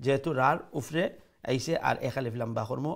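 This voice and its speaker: A man teaching Quran recitation, modelling each word slowly and switching into English to explain. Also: mid-range voice. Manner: slow, deliberate, repeats words to model pronunciation, mixes English into explanations. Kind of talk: tajweed lesson, letter-by-letter.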